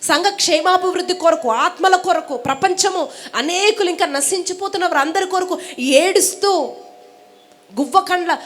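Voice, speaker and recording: Woman preacher, high voice, emphatic, rhetorical questions, repeating phrases. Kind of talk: Telugu sermon.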